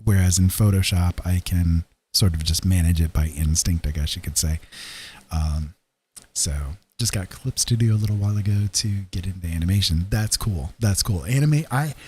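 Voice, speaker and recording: At a desk in a room at home, a deep-voiced, husky man chats quietly at normal speed with his livestream viewers through a podcast microphone and mixer. He's a digital artist and former radio talk show host, keeping his voice down so he won't wake anyone.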